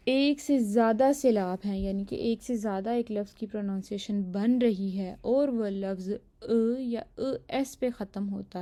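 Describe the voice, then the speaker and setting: A woman's voice: mid-range voice, dark tone. A woman teaching a language lesson, explaining pronunciation patiently and step by step.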